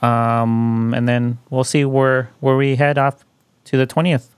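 A man's voice: medium pitch, flat delivery, measured pace, clean tone, no room sound. Male co-host, hesitant casual talk, resonant and dry. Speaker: podcast co-host. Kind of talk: casual podcast chat.

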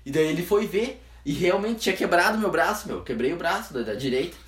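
A man telling a childhood story in casual chat, animated and laughing often. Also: high voice, brisk, crowd noise. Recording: echoey room.

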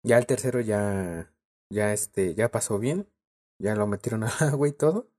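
A young man with a Mexican Spanish accent tells a story as a podcast co-host. His voice sits low, with a dark, mellow tone. He talks in slang and laughs often. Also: lively intonation, normal speed. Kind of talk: casual chat.

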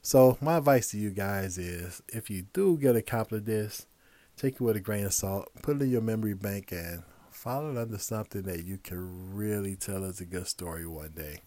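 Male podcast host, low, dry-miked, casual storyteller. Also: normal speed, warm tone, no room sound. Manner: casual and conversational, chuckling asides.

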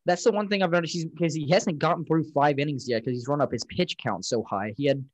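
A man's voice: on the high side, fast talker, no room sound. A man co-hosting a casual sports chat, recapping plays in a rambling way with lots of fillers. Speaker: podcast co-host.

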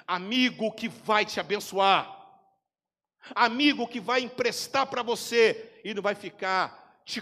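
A Brazilian man preaching from the pulpit, his voice pitched high and carried by the long reverb of a church hall. He speaks with a Brazilian Portuguese accent and tells his story animatedly, jumping from loud exclamations to quiet, confiding asides. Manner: animated storyteller, swinging between loud bursts and hushed asides. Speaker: pastor. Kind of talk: storytelling sermon.

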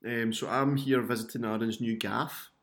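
A man's voice: mid-range voice, steady tone, normal speed, fairly bright tone. A man hosting a casual, jokey podcast, recorded on a laptop microphone with a muffled, underwater sound. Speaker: podcast host. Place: indoors at a friend's home.

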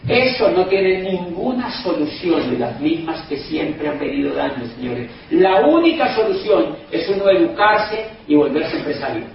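A man giving an emphatic, persuasive business speech to a live audience, repeating his points and often calling out to the crowd. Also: high-pitched. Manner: emphatic, repetitive, keeps addressing the crowd as "señores". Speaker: motivational business speaker. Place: event hall in Madrid. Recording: very echoey hall, distant mic, dull sound, faint noise.

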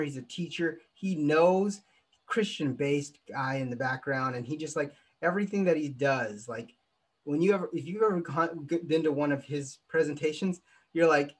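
A man hosting a podcast interview, talking eagerly and repeating himself. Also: a little high. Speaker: podcast host. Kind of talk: casual interview.

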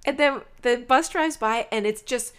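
A woman in casual chat, telling stories in an animated, chatty way. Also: fairly high pitch, moderate pace, clean tone.

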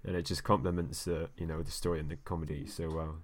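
A man co-hosting a podcast, speaking in a measured, low-key way. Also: flat delivery, slight background noise. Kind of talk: casual podcast chat.

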